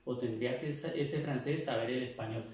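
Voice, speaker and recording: A man's voice: medium pitch, brisk, a little mellow, distant mic. A man teaching a language lesson, explaining pronunciation patiently and repeating each sound several times. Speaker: French teacher. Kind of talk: slow classroom explanation. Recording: echoey room, voice from off-mic.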